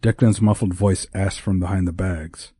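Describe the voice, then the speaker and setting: A man narrating a romantic comedy audiobook in a measured, even reading. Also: sits low, breathy edge, no room sound, clean studio sound.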